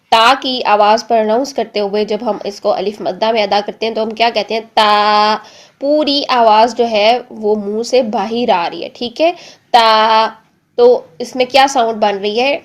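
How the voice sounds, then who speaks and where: A woman teaching Quran recitation, explaining calmly and repeating letter sounds again and again for practice. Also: on the high side. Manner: explains slowly, drills letter sounds with many repetitions; stretches demonstration words very slowly. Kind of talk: tajweed lesson.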